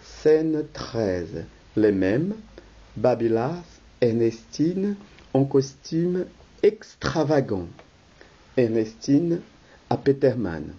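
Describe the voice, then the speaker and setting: A reader of all the roles, calmly reading the stage directions in a rehearsal read-through of a play. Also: medium pitch, extremely slow, long pauses, husky, highs cut off.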